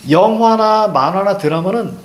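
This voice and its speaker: A man's voice: sits high, moderate pace. A male teacher giving a classroom lecture, telling stories with jokey asides. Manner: animated storytelling, jokey asides.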